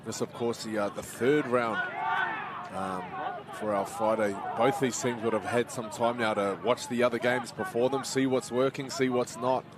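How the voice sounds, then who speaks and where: A man's voice: mid-range voice, steady tone, moderate pace, background noise. A man giving live match analysis as a co-commentator. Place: outdoor sports ground. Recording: crowd behind, outdoors. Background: crowd.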